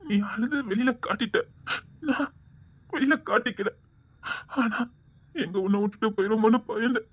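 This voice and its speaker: A woman's voice: fairly high pitch, normal speed, husky. A woman voicing a tender injured husband. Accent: Tirunelveli Tamil. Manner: soft, gently reassuring.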